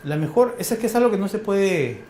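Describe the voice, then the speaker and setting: A man with a Peruvian accent giving a classroom lecture, firing quick questions at his students in a colloquial way. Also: sits high, very animated, darkish tone, slight background noise. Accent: Peruvian Spanish. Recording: echoey classroom.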